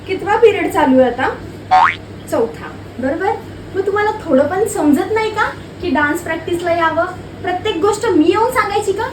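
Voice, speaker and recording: A woman's voice: very high-pitched, lively intonation, moderate pace. A woman playing a strict, exasperated school dance teacher in a comedy sketch, scolding and nagging her students sarcastically. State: sore throat from shouting. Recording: roomy, distant mic, clear ambient noise.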